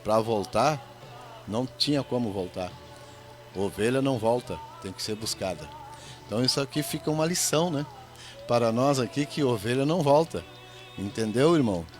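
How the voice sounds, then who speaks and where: A middle-aged man with a gaúcho Brazilian accent, speaking as a guest on a radio interview. He tells stories in a folksy, joking way. His voice sits at an ordinary pitch, with faint music underneath. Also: lively intonation, moderate pace. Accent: Gaúcho Brazilian Portuguese. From Rio Grande do Sul, Brazil. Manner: folksy storytelling with jokes. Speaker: evangelist guest.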